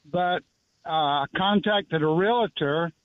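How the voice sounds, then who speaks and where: A man's voice: high voice, slow pace. A man in his seventies calling in to a radio show over a tinny phone line, telling his story in a plain-spoken, rambling way. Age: 70s. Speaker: caller. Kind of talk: call-in radio question. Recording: dry, narrow-band phone call.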